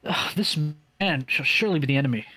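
A man's voice: mid-range voice, expressive, quick pace, pushed and bright, slightly rough. A man voicing an impatient young farm boy who complains in indignant Shakespearean verse.

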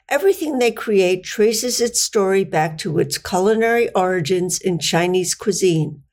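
A woman hosting a podcast, reading a measured scripted introduction and then asking interview questions. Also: mid-range voice, a little mellow. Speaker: podcast host and editor.

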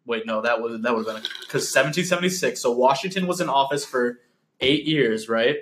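A man's voice: medium pitch, a little fast, fairly bright tone, slight background noise. A man of twenty, co-hosting a podcast in a casual comedic chat, rambling and laughing often. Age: 20s. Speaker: podcast co-host.

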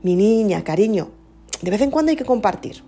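A woman voicing a gentle mother who soothes and coaxes her small child. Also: medium pitch, lively intonation, a little fast, soft background music. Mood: tender. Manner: soothing, coaxing.

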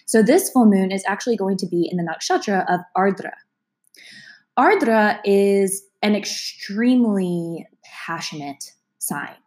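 Sounding congested from a cold, a woman astrology vlogger talks to camera in a casual, chatty forecast for her viewers, gentle in manner and laughing between sentences. Her mid-range voice is animated and a bit slow.

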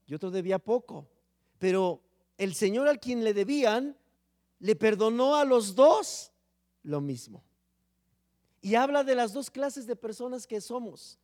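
Dramatic preacher man. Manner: dramatic swings between loud emphatic phrases and low hushed words. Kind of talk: sermon.

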